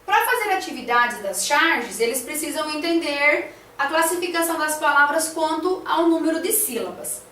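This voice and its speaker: A woman's voice: sits high, animated, moderate pace, pushed and bright, roomy sound, far from the mic, a little hiss or hum. A woman teacher talking through a classroom lesson plan, hesitant, with many fillers and tag questions.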